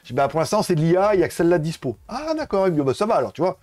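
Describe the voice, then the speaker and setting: A man's voice: a little high, expressive, very fast, dark tone, dry recording. A man hosting a tech livestream, talking casually and rambling with lots of fillers and restarts. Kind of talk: casual live chat with viewers.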